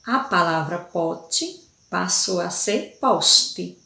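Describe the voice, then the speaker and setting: A woman's voice: lowish voice, animated, very slow, gravelly, bright, forceful tone. A woman teacher giving a lesson to young children in Brazilian Portuguese, spelling out letters and syllables patiently and often checking in with the class. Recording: echoey room.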